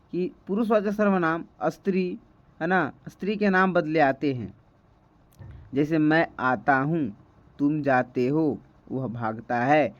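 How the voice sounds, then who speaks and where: Man, teacher, grammar lesson, repeats terms, slightly high voice, dull recording. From India. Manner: repeats key terms, frequent "ठीक है" checks.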